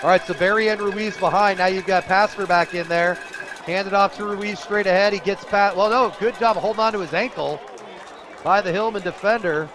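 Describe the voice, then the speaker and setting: Calling a football game live for radio, this American play-by-play announcer keeps a steady tone and moderate pace in his high voice. It's an outdoor high school stadium broadcast, with loud crowd noise behind him.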